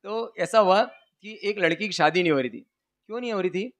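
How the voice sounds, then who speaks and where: A male preacher delivering a sermon full of stories and questions to the audience. His voice sits high in pitch, and at times he chants vows in a rhythmic recitation. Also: fairly quick. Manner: lively, asks the audience questions. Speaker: religious preacher. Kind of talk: sermon with storytelling.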